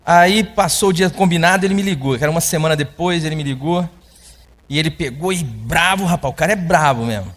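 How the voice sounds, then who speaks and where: Male pastor, story-driven sermon, slightly high voice, acts out the dialogue and sound effects as he goes. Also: brisk, a bit bright.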